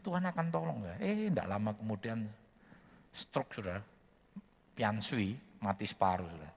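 A male pastor preaches in a lowish, husky voice. His storytelling is animated and swings widely in pitch, and he keeps turning to his listeners. His voice rings with the long reverb of a hall. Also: moderate pace, muffled recording. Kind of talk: sermon.

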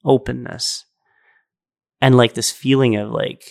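Gravelly low-voiced man, earnest and rambling. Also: a little slow. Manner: rambling and earnest, full of "like" and "right?". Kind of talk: casual spiritual storytelling.

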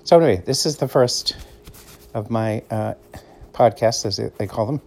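His voice sits on the low side and moves at normal speed. This middle-aged Boston-area man, speaking with a Boston accent, hosts a casual solo podcast, wandering from point to point as a relaxed, conversational storyteller.

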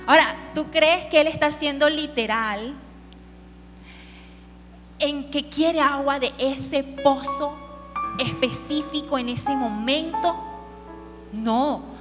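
High-voiced woman preaching in a hall. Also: slow pace, long pauses. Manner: lively storytelling, asks the audience questions. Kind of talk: sermon. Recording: hall reverb with faint music.

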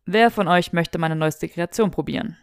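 A woman's voice: lowish voice, moderate pace, clear, resonant tone, dry recording, clean studio sound, lightly acted. A woman voicing a mischievous young wizard who talks in a teasing, showy, mock-indignant way.

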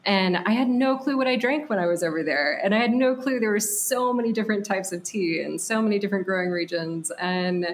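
A woman's voice: mid-range voice, fairly quick, hardly any pauses, slight background noise. A woman in her thirties from Texas, a company founder chatting as a podcast guest, full of fillers and frequent laughs. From Texas, USA. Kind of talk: casual interview.

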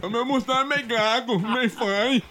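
A Brazilian man putting on a high, strained, whining voice of a comic man groaning that he is dying. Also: steady tone, normal speed, sharp tone.

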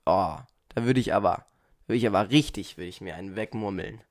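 A man's voice: lowish voice, brisk. A young man co-hosting a casual podcast, talking in a rambling, playfully mock-offended way. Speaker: podcast co-host. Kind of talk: casual chat.

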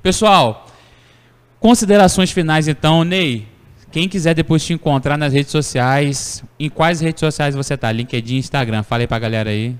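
A man hosting a casual podcast conversation, telling stories in a playful, animated way. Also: fairly high pitch, normal speed, clean tone, long reverb tail. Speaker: podcast host.

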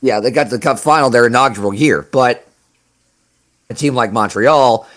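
A man's voice: mid-range voice, normal speed, fairly bright tone. A man co-hosting a hockey talk show, giving long analytical run-on explanations and stretching words for emphasis. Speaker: sports talk co-host.

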